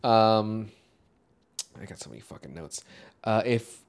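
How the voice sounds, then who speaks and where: A man's voice: on the low side, animated, unhurried. A man co-hosting a casual movie podcast, talking in a rambling, jokey way with lots of swearing. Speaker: podcast co-host.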